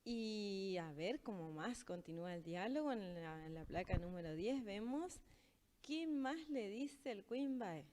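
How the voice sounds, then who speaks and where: A woman teaching in a casual language lesson, explaining patiently and slowing down to read example phrases. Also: medium pitch, lively intonation, a little mellow.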